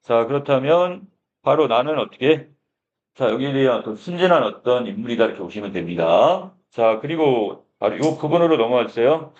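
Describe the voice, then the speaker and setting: Male teacher, mid pitch, dull lo-fi sound; a lecture voice that asks questions and answers them. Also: animated, normal speed, darkish tone. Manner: starts phrases with a repeated filler, asks questions and answers them himself. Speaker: literature teacher. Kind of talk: lecture explaining a short story.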